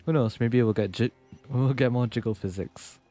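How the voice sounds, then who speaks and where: This young man is a game streamer and virtual YouTuber, chatting loosely and musing aloud during live play with game music in the background. His voice is warm and mid-range, and his pace is moderate.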